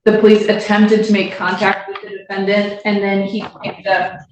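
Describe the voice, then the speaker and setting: A woman prosecutor arguing in a formal, measured way, heard on a courtroom recording. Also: medium pitch, flat delivery, a little hiss or hum. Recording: echoey, distant, dull courtroom audio.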